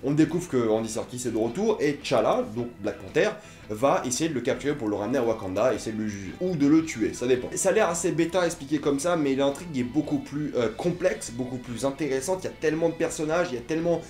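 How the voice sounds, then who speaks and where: Young guy gushing about a movie super fast, keeps fixing his words, echoey room. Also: mid-range voice, lively intonation, a little mellow, soft background music. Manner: fast, enthusiastic, self-correcting. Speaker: film reviewer. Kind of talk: casual film review.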